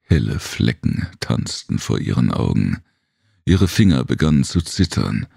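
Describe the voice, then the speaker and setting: A man reading a science fiction audiobook in measured scripted narration. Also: very deep voice, very animated, creaky, dark tone, husky, dry recording, studio quality. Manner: measured storytelling.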